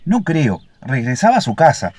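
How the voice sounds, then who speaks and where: Hombre que hace de pajarito joven de fábula, tono sincero, entonación viva. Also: male voice, medium pitch, sing-song, normal speed, darkish tone, no room sound. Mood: earnest. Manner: earnest, timid, thoughtful. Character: young earnest male ovenbird.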